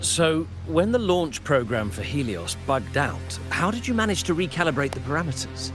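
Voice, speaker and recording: An actor playing an absent-minded, excitable engineering professor in a video game, scatterbrained and eager about his work. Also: on the high side, normal speed, music in the background. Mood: eager, excited.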